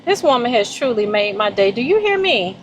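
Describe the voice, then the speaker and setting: A woman's voice: on the high side, fairly quick, slight background noise, low-quality recording. A woman with a Southern American accent talking casually to her viewers in a vlog, effusive and heartfelt. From Southern United States. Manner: effusive, animated, heartfelt, addresses viewers as y'all. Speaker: vlogger.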